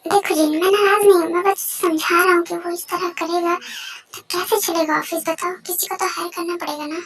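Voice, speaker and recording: Grumbling middle-aged dad and businessman, scolding and complaining, pitched very high, played by a high-voiced performer in a fan dub. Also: steady tone, fairly quick, a bit bright.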